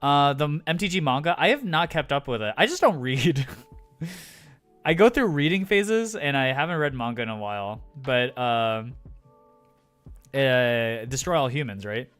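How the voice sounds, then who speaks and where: A man's voice: mid-range voice, normal speed, fairly bright tone, smooth, soft background music. A man livestreaming, rambling in casual chat with viewers, his throat sore from talking. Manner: rambling, filler-heavy, frequent restarts.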